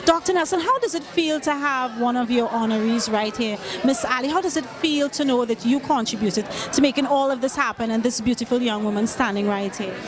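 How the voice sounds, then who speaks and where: A woman's voice: fairly high pitch, brisk, few pauses. A woman hosting on a red carpet, speaking in effusive, gushing red carpet chatter. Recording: busy crowd chatter behind.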